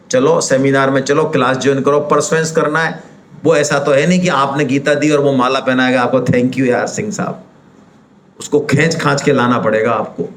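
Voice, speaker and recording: A man giving a devotional seminar talk in a middle-pitched voice. He is lively and persuasive, throws rhetorical questions at the listeners and speaks to them directly and colloquially. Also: slight background noise. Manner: animated, rhetorical questions, acts out quoted voices.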